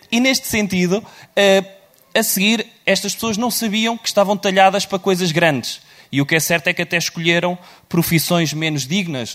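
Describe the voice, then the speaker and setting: Loud, playful Portuguese moderator man. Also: fairly high pitch. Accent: European Portuguese. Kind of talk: live panel moderation.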